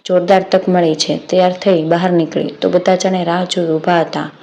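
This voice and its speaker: Low, flat-voiced woman narrating a story. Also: normal speed, creaky. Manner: steady storytelling narration with quoted dialogue. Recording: slightly dull lo-fi audio with faint background noise.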